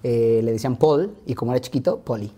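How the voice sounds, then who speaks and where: A Mexican man in his thirties tells his childhood stories to an interviewer, rushing through the anecdotes with plenty of asides. He speaks with a Mexican Spanish accent. His delivery is very fast, and his voice is dark and mellow. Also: mid-range voice, slightly rough, dull audio. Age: 30s. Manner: lively, quick anecdotes with frequent asides. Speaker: interview guest. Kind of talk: relaxed interview storytelling.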